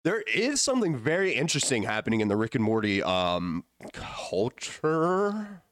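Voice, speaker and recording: A man hosting a podcast with playful, casual hype, his voice wheezy and hoarse from being sick. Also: medium pitch, sing-song, moderate pace, a bit bright, dry recording, clean studio sound. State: sick, voice partly gone. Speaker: podcast host.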